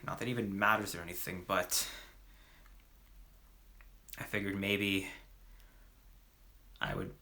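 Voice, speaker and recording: A young male actor performing a dramatic monologue as a remorseful young ex-drug dealer, talking in a halting, slangy way full of fillers and restarts. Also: low voice, flat delivery, bright, forceful tone, full character voice. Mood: hesitant.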